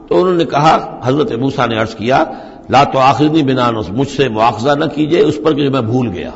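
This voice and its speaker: A man teaching scripture in a long, echoing hall, his voice gravelly and edged with fry. He chants each verse slowly, then breaks it down in a long explanation. The recording is dull and lo-fi. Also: mid-range voice. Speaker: religious teacher. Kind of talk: scripture commentary lecture.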